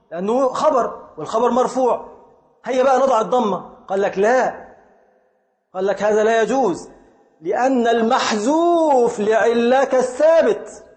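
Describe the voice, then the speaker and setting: A man with an Egyptian accent teaching grammar in a lecture, deliberate, repeating his points and quizzing the students. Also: very high-pitched, darkish tone. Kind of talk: classroom lecture. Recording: echoey hall reverb.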